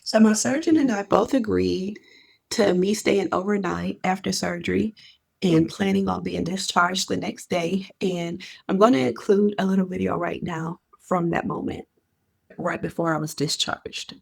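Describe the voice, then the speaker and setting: A woman's voice: fairly low pitch, moderate pace, creaky, darkish tone, slightly rough. A woman vlogger telling a personal story straight to the listener.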